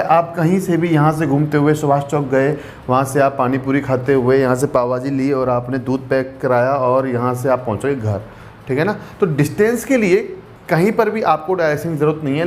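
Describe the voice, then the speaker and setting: A man's voice: fairly high pitch, a little mellow, slight background noise. Man teaching a maths lecture. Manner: checks in often with rhetorical questions; mixes English terms into explanations. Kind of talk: classroom whiteboard lecture.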